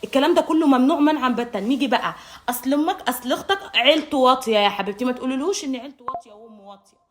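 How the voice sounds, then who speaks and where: A woman with an Egyptian accent giving marriage advice straight to camera, brisk and emphatic, scolding while calling the viewer darling. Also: high voice. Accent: Egyptian Arabic. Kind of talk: direct-to-camera advice monologue.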